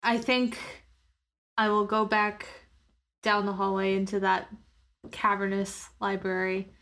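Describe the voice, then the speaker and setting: An unhurried woman with a medium-pitched, level, fairly bright voice explains her character's actions during a tabletop roleplaying session. Thoughtful and halting, she keeps searching for how to say things.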